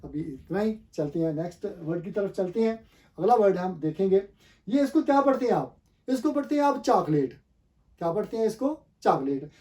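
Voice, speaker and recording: A language teacher leads a pronunciation lesson, putting questions to the viewer and repeating the answers. He speaks slowly and deliberately, often pausing to think. His voice is high-pitched, expressive, and warm.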